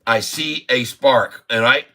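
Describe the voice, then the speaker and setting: A sixty-something Haitian host of a stock livestream takes his time, his mid-range voice carrying a sharp tone. The chat is casual, and he keeps it jokey and upbeat with frequent chuckles between remarks.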